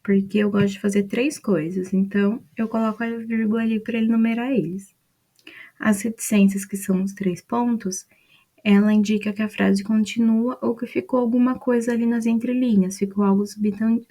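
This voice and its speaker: A Brazilian woman explains grammar one point at a time, often checking in with a quick "né?". Her voice is mellow and relaxed, sitting at a middle pitch. She keeps an unhurried, patient teaching rhythm. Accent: Brazilian Portuguese. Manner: patient, step-by-step explaining with "né?" and "então". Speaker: student presenting a study mind map. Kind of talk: explaining grammar from a mind map.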